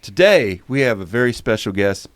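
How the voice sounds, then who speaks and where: Male host, low voice, relaxed and hesitant, dry close mic. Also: moderate pace, no room sound. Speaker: podcast host. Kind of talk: casual interview hosting.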